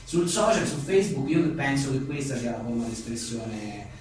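Being interviewed as a writer at a live book presentation, a man chats in hesitant, rambling phrases loaded with tag questions. He has a medium-pitched, darkish voice with lively intonation and a moderate pace; the distant mic catches room echo and faint noise.

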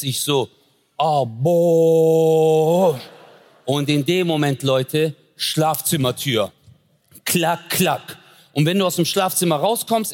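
Stand-up comic, male, slightly raised pitch, playful storyteller who slips into voices. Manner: acts out voices of family and objects. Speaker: stand-up comedian.

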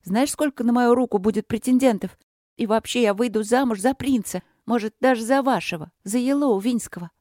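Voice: medium pitch, brisk, darkish tone, no room sound, studio quality, voice pushed up, close to an everyday voice. Reader voicing a pushy, chatty young princess. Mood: indignant. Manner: eager, pleading, talkative. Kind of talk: audiobook character voice.

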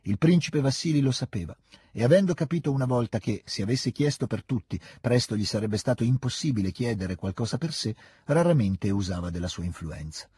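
A man giving a calm, measured scripted reading of a classic novel. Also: mid-range voice, breathy edge, no room sound. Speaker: reader. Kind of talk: scripted literary narration.

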